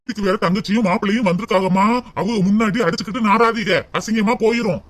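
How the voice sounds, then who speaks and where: A man's voice: sits high, fairly even intonation, quick pace, fairly bright tone. A man voicing a patient young husband in a cartoon, pleading with his mother. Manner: pleading, reasoning.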